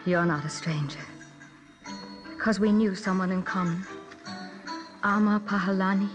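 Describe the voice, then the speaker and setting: A woman's voice: mid-range voice, normal speed, muffled recording, faint music behind, natural voice. A woman playing an anxious, imperious princess in a radio drama, urgent and dramatic. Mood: intense, secretive. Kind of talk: old-time radio drama acting.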